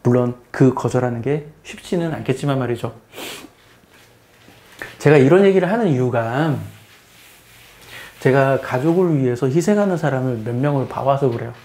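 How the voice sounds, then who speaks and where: Speaking at a normal pace with long pauses, this middle-aged math teacher has a warm, mid-range voice. His lecture is casual and plainly explanatory, full of repeated phrases and questions aimed at the listener.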